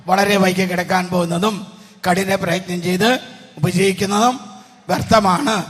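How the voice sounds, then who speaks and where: A man's voice: sits high, sharp tone. A male preacher from Kerala giving a retreat sermon, quizzing his congregation and urging them to answer aloud, his voice strained and fading. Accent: Kerala Malayalam. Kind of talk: retreat sermon with call-and-response. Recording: hall reverb.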